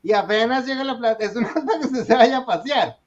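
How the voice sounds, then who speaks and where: His voice is extremely high and quick, set against a loud crowd, as this small business owner animatedly narrates his story in a casual podcast chat. He acts out the people's dialogue, all captured in dull lo-fi sound.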